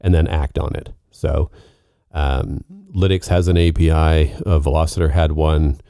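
A man with a very low, mellow voice talks in a casual podcast, laying out technical ideas plainly and patiently. The sound is dry and close. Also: steady tone, measured pace, gravelly, no echo. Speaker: co-host.

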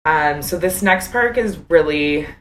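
A woman with a low, dark-toned voice walks through a case in relaxed, chatty talk. She leans on fillers and breaks off into outraged asides. A faint hum of room noise sits under her. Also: measured pace, low-quality recording. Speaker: podcast co-host. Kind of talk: true-crime casual chat.

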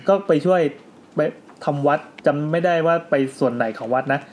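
Fast-talking male host telling ghost stories. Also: fairly high pitch, a little mellow, a little hiss or hum. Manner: storytelling, reads letters aloud with asides. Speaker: podcast host. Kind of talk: retelling listener ghost stories to co-hosts. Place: indoor studio with co-hosts.

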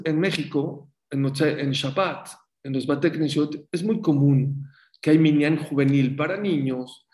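A man giving a sermon as a religious teacher, telling stories in an animated way. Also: on the high side. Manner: animated, acts out story voices. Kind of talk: sermon with storytelling. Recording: roomy echo.

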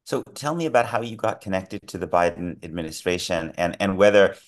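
Low-voiced male podcast host. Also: animated. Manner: polite, measured questioning. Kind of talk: podcast interview.

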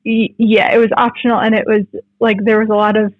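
A woman in her late twenties with a North American accent speaks briskly at medium pitch and in a level tone, on a dry, phone-quality recording. As a podcast guest and jiu jitsu writer, she chats informally in an interview and tells stories loosely and conversationally.

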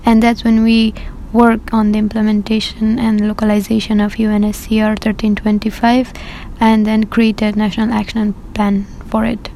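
A woman's voice: fairly high pitch, vocal fry, dark tone, a little hiss or hum, poor audio. A young woman from Afghanistan, an activist answering interview questions carefully, with many fillers and restarts. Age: young adult.

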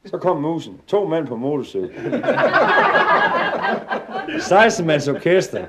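A man's voice: a little high, very animated, heavy background noise. Man telling a comic story. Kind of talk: comic storytelling to a live audience.

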